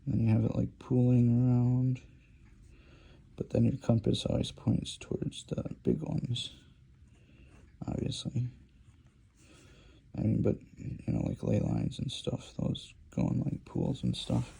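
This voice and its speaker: A man's voice: medium pitch, expressive, a little slow, vocal fry, pauses often, warm tone, slightly rough. A man giving a rambling, informal lecture while drawing, hesitant with many ums and restarts. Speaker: lecture host.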